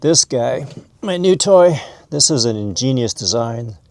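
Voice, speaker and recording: Unhurried and gravelly, with a medium pitch and lively intonation, a man hosts a relaxed mineral-hobby teaching video. He explains and shows things conversationally in a folksy way, dubbing objects "this guy," and the studio sound is clean with no echo.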